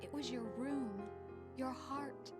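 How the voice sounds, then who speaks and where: A woman's voice: sits high, slow. An actress playing a lonely, wounded young woman pleading plaintively with her boyfriend in a dramatic video game. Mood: sad, reproachful. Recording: music playing behind the voice.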